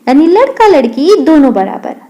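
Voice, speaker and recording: A woman's voice: high-pitched, very animated, moderate pace, mellow, highs cut off, pitched above the performer's own voice. A woman voicing a clever young girl who patiently explains things to her friends in a storybook tale. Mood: explaining.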